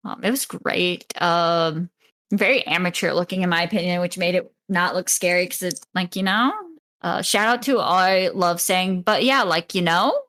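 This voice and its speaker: A woman's voice: fairly low pitch, steady tone, normal speed, fairly bright tone. A young adult woman co-hosting a podcast, chatting casually and telling stories in a rambling way. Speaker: podcast co-host. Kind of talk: casual chat.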